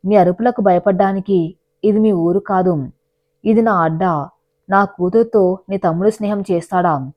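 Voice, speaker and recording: A woman's voice: mid-range voice, normal speed, muffled recording, natural voice. Woman reading as a sneering gangster father. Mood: sneering menace. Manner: mocking and threatening. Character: cruel sneering middle-aged male gangster father.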